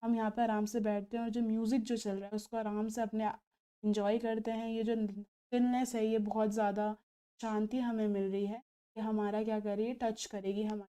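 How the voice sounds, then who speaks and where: Woman, teacher, play explanation, smooth, resonant, mixed-language. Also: mid-range voice, flat delivery, dark tone. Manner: explains in Hindi mixed with English, slowly reads play lines aloud. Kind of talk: page-by-page play explanation for students.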